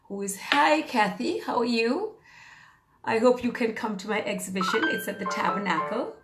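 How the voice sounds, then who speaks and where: A woman's voice: a little high, normal speed, a bit bright, echoey room, soft background music. A woman in her fifties, a fitness and mindset coach, chatting casually and upbeat on a live stream, rambling with plenty of fillers. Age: 50s. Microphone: phone or webcam on a live stream.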